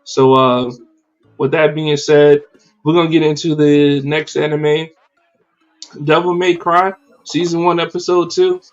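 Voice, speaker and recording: A man hosting a casual livestreamed podcast, talking in an animated, slangy and profane way with many fillers. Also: fairly high pitch, measured pace, highs cut off, soft background music. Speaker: podcast host.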